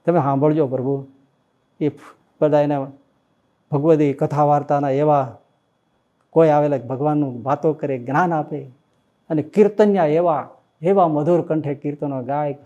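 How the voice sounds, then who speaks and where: A man, a swami, giving a devotional sermon that he tells as a story, with animated and emotional exclamations. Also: on the high side, muffled recording. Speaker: swami preaching.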